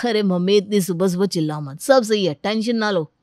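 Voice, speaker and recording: A woman's voice: medium pitch, fairly quick, a little mellow, dry recording, clean studio sound, close to an everyday voice. Easygoing cartoon son, shrugging everything off played by a woman. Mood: laid-back. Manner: lazy, dismissive. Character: laid-back young adult son.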